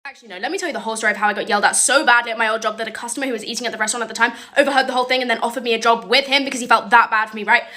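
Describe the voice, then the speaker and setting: A woman's voice: fairly high pitch, racing, hardly any pauses. A young woman telling a casual storytime, swearing freely and tagging lines with "right?". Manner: swears freely, animated, keeps asking "right?".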